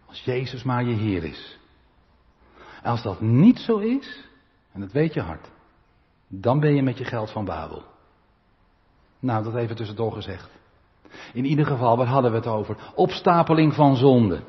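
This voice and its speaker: Dutch pastor preaching in a reverberant church. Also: male voice, medium pitch, big pitch swings, moderate pace, long pauses, highs cut off. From Netherlands. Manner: preaches with sudden loud swells and quiet asides, often adding "hè?". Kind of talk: sermon.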